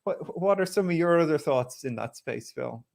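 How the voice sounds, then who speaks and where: A man with an Irish accent hosting a relaxed conversation, talking in a chatty way with lots of fillers and restarts. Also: on the high side, moderate pace, gravelly. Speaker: host. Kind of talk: casual conversational talk.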